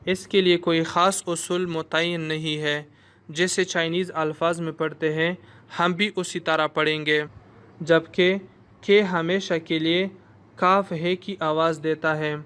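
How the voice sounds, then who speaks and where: A male language teacher giving a slow, explanatory recorded lesson and modeling sounds for learners to repeat. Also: a little high, little pitch movement, a bit bright, smooth.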